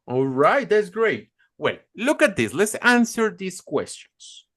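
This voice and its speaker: A male teacher leads an online English lesson over a video call. He is patient and encouraging, correcting pronunciation gently as he goes. His intonation is very lively, rising and falling freely through every sentence. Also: sits high, slow pace.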